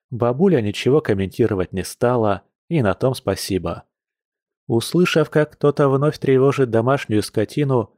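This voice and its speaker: A man's voice: medium pitch, a little mellow, no echo. Dry, close male audiobook narrator. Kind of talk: scripted narration.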